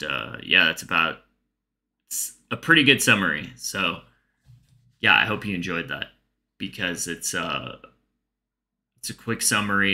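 A man telling a comedic story in a casual, rambling way, full of fillers and swearing, delivered deadpan. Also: low-pitched.

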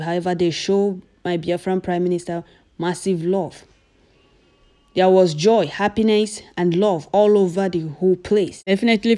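Defiant Nigerian woman with a mellow voice. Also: lowish voice. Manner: emphatic, repetitive, defiant. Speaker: activist commentator. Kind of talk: news commentary over event footage.

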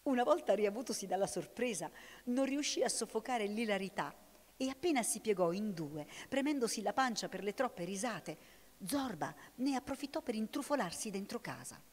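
A woman with an Italian accent reading a story aloud in an expressive way, recorded in a hall with long reverb. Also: mid-range voice, moderate pace. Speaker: reader.

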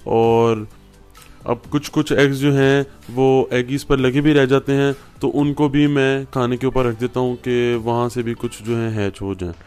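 A man's voice: mid-range voice, little pitch movement, unhurried, darkish tone, clear, resonant tone, faint music behind. A man from Pakistan giving a patient step-by-step farming tutorial at a work table indoors. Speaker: farming instructor. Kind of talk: home how-to tutorial.

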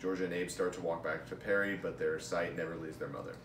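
This young man's voice is low-pitched and fairly bright, with fairly even intonation and a quick pace, as he reads a script aloud as an amateur, handling the stage directions and one part. The read-through happens in a room at home, recorded by a camera a few feet away whose distant mic is echoey and clearly noisy.

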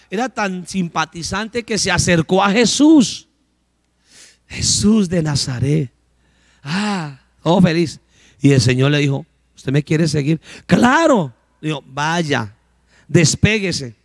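A man's voice: high-pitched, dry recording, clean studio sound. A man, preaching a sermon as pastor, asking the congregation questions and acting out short dialogues.

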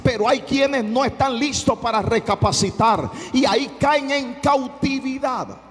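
A man preaching a sermon as pastor, fervent, often breaking into shouts and repeating his phrases. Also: extremely high pitch, a little slow, long reverb tail.

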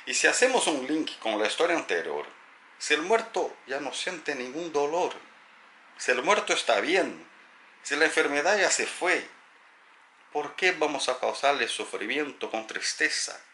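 A man speaking gently and thoughtfully as a teacher, easing into a story with a lively, rising and falling delivery. His tone is bright and clear. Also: on the high side, a little slow, a little hiss or hum. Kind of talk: reflective spoken talk to camera.

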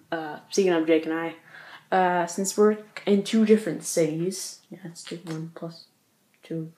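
A male vlogger giving a casual update from home, talking fast, stuttering and filling gaps with uh and like. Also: a little high, reverberant. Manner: speaks fast, stutters, lots of uh and like. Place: room at home.

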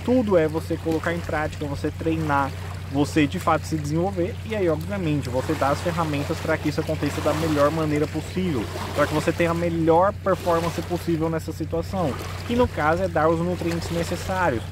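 This Brazilian-accented vlogger in his twenties speaks on the high side with fairly even intonation and a slightly quick pace, casually walking the camera through nutrition advice. He's outside in a sunny area that resembles a park, and plenty of background noise comes through the recording.

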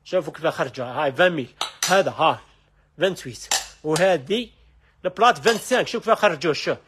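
A man with an Algerian accent running a live sales stream from a household goods shop, with rapid, repetitive calls to look at the wares. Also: on the high side, lively intonation, background noise. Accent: Algerian Arabic.

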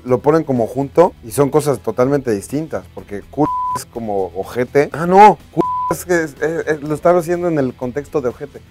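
A man's voice: mid-range voice, normal speed, hardly any pauses, over music. A man with a Mexican accent, talking casually in a joking, slangy way as a vlog host. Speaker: YouTuber host.

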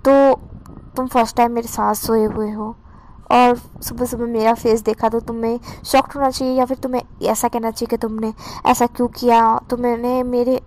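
A woman voicing a confident, protective young man who teases and questions gently. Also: on the high side, flat delivery, normal speed, a little hiss or hum, close to an everyday voice. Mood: teasing.

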